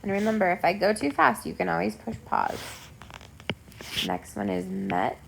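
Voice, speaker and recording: A woman's voice: on the low side, wildly swooping pitch, normal speed. A woman teacher guiding young children step by step through a lesson in simple, encouraging words, like a kids' show host. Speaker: elementary school teacher. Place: at home. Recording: clear background noise with clicks.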